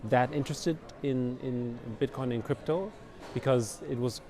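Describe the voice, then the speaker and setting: Outdoors at a crowded conference venue, a middle-aged company founder from Austria gives a conversational interview at a measured pace and mid-range pitch. His long, meandering answers are laced with "you know" and "basically," and crowd chatter is clearly audible.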